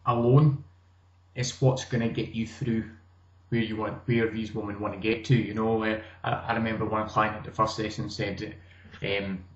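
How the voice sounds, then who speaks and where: A man with a Scottish accent, a gym owner chatting casually as a guest in an interview, talking in a relaxed way with frequent restarts. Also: fairly low pitch, normal speed, roomy sound, muffled recording. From Scotland. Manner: relaxed, conversational, many restarts.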